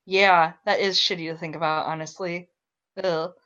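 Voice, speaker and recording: Casual young woman ranting, low-pitched. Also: normal speed, clean tone, lo-fi sound. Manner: casual, swears often, animated ranting. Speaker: podcast host. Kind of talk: casual podcast chat.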